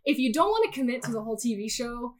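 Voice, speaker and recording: A woman's voice: a little high, lively intonation, fast, low-quality recording. A woman who is a guest on a podcast, chatting casually with lots of fillers and easy laughter. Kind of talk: casual chat.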